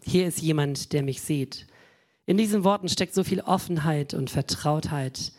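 A man preaching a sermon in an emphatic way, often turning to his listeners with quick asides. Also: a little high.

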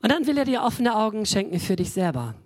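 Woman pastor, 40s, casual sermon delivery, fillers and self-corrections, medium pitch, dry. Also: big pitch swings, quick pace, a little mellow, no room sound. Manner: conversational, addresses the congregation directly. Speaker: preacher.

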